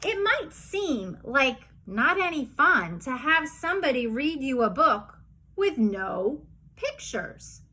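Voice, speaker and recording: High, bright-voiced woman teacher, playful. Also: very animated, takes it slowly. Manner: playful, mock-outraged protests. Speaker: preschool teacher. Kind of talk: reading a storybook aloud to young children.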